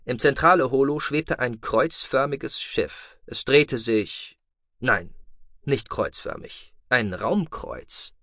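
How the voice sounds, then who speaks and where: A man narrating a science-fiction audiobook in an expressive storytelling manner. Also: mid-range voice, takes it slowly, no echo, clean studio sound. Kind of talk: scripted narration.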